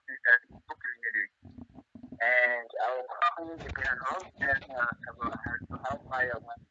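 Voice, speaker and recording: A male caller on a call-in radio show, talking with the phone held away from his mouth and pausing and repeating words as he asks his question. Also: mid-range voice, pushed and bright, slight background noise. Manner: halting, repeats words while asking. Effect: phone held away from the mouth, faint and distant. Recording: muffled phone line, far from the mic.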